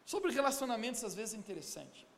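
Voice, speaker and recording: Emphatic high-voiced male preacher in a hall. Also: sing-song, quick pace, vocal fry. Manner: emphatic, with call-and-response. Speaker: pastor. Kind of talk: sermon with storytelling. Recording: long hall reverb, faint background noise.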